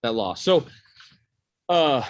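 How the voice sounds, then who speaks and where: Male guest, mid-pitched, blunt and candid, dry close recording. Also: animated, slow, dry recording. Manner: blunt, candid, repeats words. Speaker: podcast guest, business owner. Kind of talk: casual interview chat.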